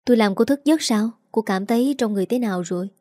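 A woman voicing a gentle, caring hospital nurse. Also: on the high side, fast, dry recording, clean studio sound, close to an everyday voice. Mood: concerned. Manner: gentle, quiet.

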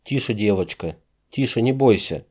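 A man reading an audiobook voices a calm grown man who speaks in a warm, reassuring way. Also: on the low side, normal speed, natural voice. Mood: soothing.

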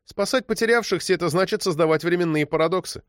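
A man voicing a stubborn, tearful ten-year-old girl who pleads in a high voice. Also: quick pace, no room sound, studio quality, lightly acted. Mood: plaintive.

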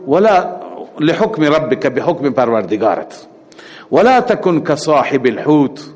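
A middle-aged man with a voice on the higher side leads a scripture lesson. He slowly chants each verse and then explains it in relaxed, conversational words. His voice rings with a long reverb, as in a large hall. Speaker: Quran teacher.

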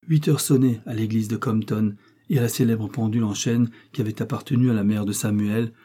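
Male narrator, classic novel, steady and measured, husky tone. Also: fairly low pitch. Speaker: audiobook narrator.

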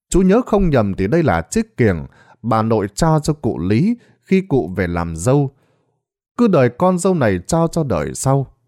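A man's voice: mid-range voice, darkish tone. A man reading a ghost story aloud in a dramatic storytelling manner. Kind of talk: scripted narration.

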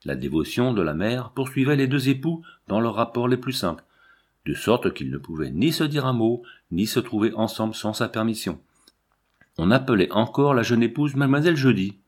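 A man narrates a classic novel for an audiobook at a middle pitch. His delivery is measured and even, and he drops his voice a little for the quoted lines. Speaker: audiobook reader.

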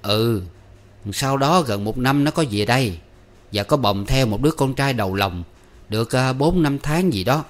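It sounds like a storybook reading: a man puts on a high, loud voice for a middle-aged village mother who keeps nagging and scolding. Her chiding comes in quick, sharp bursts, animated but still natural-sounding.

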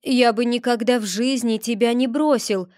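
A woman reads the part of a young man's ghost in an audiobook, tender and confused as he speaks of lost love. The voice sits fairly high and sounds dry and close, with earnest, emotional warmth. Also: fairly even intonation, normal speed, no echo, natural voice. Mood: serious. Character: young male ghost, tender, bewildered lover.

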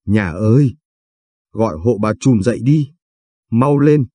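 A man's voice: medium pitch, unhurried, warm tone, no room sound, close to an everyday voice. A man voicing a young peasant wife in labor who pleads in a strained voice. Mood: desperate.

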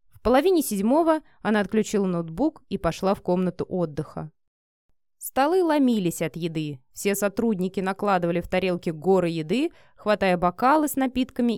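A woman's voice: medium pitch, darkish tone, no echo. Woman narrating an audiobook, dry close sound.

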